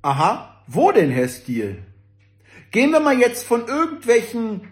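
Mocking political commentator, animated delivery, echoey room. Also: mid-range voice, unhurried. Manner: sarcastic and mocking, laughing at the text; speaks straight to the audience. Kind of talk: casual commentary reading out a newspaper article.

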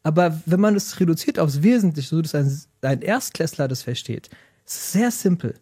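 Middle-aged German-born male author, animated explainer, mellow voice, dry close sound. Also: on the high side, moderate pace, husky, no room sound. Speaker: guest. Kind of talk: conversational interview.

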